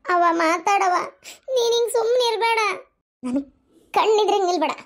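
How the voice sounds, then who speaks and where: A woman's voice: very high-pitched, fairly even intonation, fast. A woman voicing a distraught middle-aged village mother in a cartoon, scolding and wailing in a North Karnataka Kannada accent. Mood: panicked. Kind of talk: cartoon voice acting.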